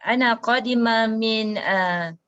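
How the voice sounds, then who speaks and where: A woman's voice: a little high, measured pace, a bit bright, smooth, dull audio. Hesitant female language student. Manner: hesitant, searching for words. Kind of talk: classroom practice dialogue. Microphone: video call.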